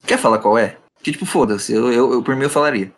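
A man's voice: medium pitch, fast talker. A young man with a Brazilian Portuguese accent chatting casually on a podcast, slangy and insistently repeating himself. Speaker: podcast participant. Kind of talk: casual chat.

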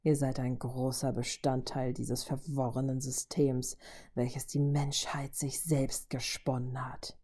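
A woman voicing a cold, menacing male robot villain in a low, hushed murmur. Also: flat delivery, takes it slowly, husky, full character voice.

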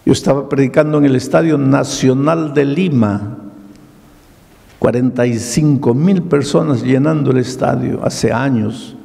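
A male pastor preaching a sermon, telling stories slowly with dramatic pauses, in a long hall reverb. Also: medium pitch, creaky, dark tone. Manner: slow storytelling with dramatic pauses.

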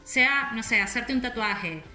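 Bright, chatty Rioplatense woman. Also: a little high, lively intonation, a little slow. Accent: Rioplatense Spanish. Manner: chatty, with many "o sea" and "no sé" fillers. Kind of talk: casual reflective chat. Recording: echoey room, faint music.

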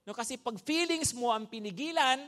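A man preaching a sermon in mixed Tagalog and English, animated, often checking with listeners by asking "no?" and acting out stories with sound effects. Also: very high-pitched, moderate pace. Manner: acts out anecdotes with shouted sound effects. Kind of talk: Taglish sermon.

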